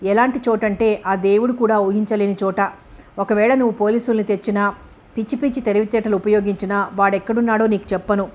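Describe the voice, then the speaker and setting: A woman voicing a scheming male kidnapper who threatens and mocks a man over the phone in a storybook reading, at a middle pitch. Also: fairly even intonation, brisk, a little mellow, lightly acted. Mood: taunting. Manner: menacing, mocking.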